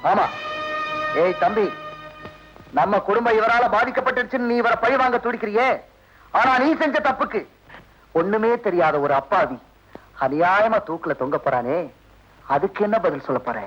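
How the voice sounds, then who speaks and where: A pleading, breathy elder brother. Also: male voice, high-pitched, lively intonation, moderate pace, pauses often, fairly bright tone, soft background music. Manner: pleading, tearful, crying out in pain. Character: timid elder brother begging his brother to confess. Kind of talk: 1970s film melodrama. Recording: dull old film soundtrack with score.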